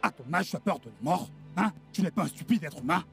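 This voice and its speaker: An actor playing a domineering, indignant street gang boss in a dubbed film drama, scolding emphatically. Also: male voice, a little high, animated, quick pace, vocal fry, fairly bright tone, faint music behind. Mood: angry scolding. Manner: scolding, emphatic, repeats himself.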